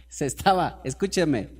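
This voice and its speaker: Male pastor, sermon delivery, high voice with big pitch swings, call-and-response with the congregation. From Ecuador. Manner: preaching to a congregation, calls for responses, swings from soft to loud.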